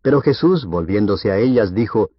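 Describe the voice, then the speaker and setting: A man reading scripture aloud for an audiobook in a steady, measured way. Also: on the low side, no room sound. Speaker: Bible reader. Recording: dull, lo-fi dry recording.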